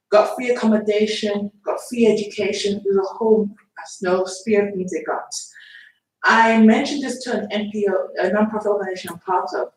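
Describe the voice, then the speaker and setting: A woman from Nigeria speaks from the floor of a public event, measured and explanatory. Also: medium pitch. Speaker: audience member asking a question. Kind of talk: question from the floor. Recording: echoey hall, far from mic.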